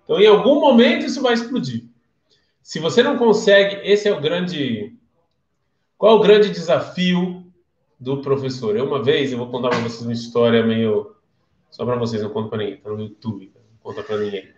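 At medium pitch and normal speed, a man from Brazil speaks with a Brazilian Portuguese accent as he runs a laid-back live-streamed class. He spins stories and quizzes his listeners, heard through a roomy, muffled recording.

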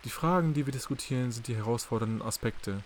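A man voicing a polite, calculating male psychiatrist in an audiobook, soft and measured. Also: mid-range voice, slight background noise, lightly acted. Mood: soothing. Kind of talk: audiobook character reading.

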